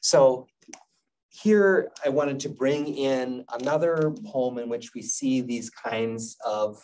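A middle-aged man giving a lecture over slides on a video call, in a measured, thoughtful way with frequent filler sounds. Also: medium pitch, a little mellow, distant mic, poor audio. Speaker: lecturer on Buddhist poetry.

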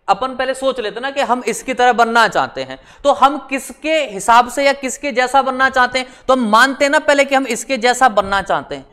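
A man's voice: extremely high pitch, sharp tone. Male coaching teacher, chatty Hindi lesson. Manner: conversational, explains with everyday examples and chuckles; slows down and stresses key definitions. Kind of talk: online class lecture.

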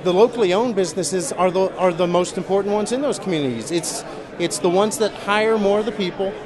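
A Missouri man in his forties, running for political office, gives an on-the-spot interview inside a large convention hall while a busy crowd chatters all around. His fairly high voice comes out earnest and halting, tripping over repeated words.

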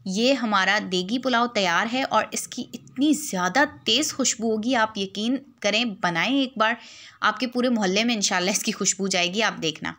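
Bright-voiced woman explaining a recipe. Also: medium pitch, normal speed. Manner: patient, explains each step plainly. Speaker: cooking vlogger. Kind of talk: step-by-step cooking voice-over.

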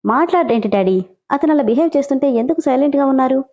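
A woman's voice: expressive, fast, mellow. A woman playing a furious defiant young woman. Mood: indignant. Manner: indignant, raised and higher. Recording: dull lo-fi recording.

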